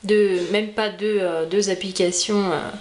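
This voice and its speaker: A woman reviewing makeup in a casual, chatty way, often pausing with fillers and restarting her sentences. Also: mid-range voice, fairly even intonation, a little mellow. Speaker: beauty vlogger. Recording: echoey room with faint ambient noise.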